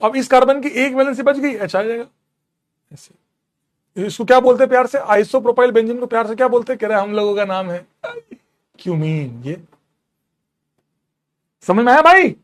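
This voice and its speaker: Speaking fairly quickly but with long pauses, a chatty chemistry teacher with a fairly high voice reassures his class, going over steps again and counting carbons. He's casual and encouraging, calls the students "bro," and keeps insisting there's nothing to worry about in this classroom lecture.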